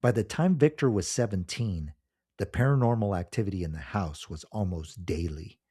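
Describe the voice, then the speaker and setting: A man narrating a scripted horror story in a measured, solemn storytelling manner. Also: low voice, mellow, slightly rough.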